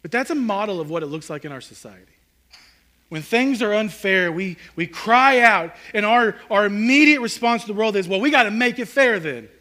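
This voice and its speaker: A man preaching a sermon in a conversational, animated way. He swings between loud, punchy lines and hushed, quiet ones. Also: sits high, normal speed. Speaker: pastor. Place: church hall with congregation.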